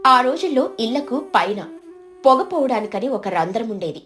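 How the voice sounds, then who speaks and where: A woman narrating an animated moral storybook in a steady, scripted storytelling voice. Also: a little high, normal speed.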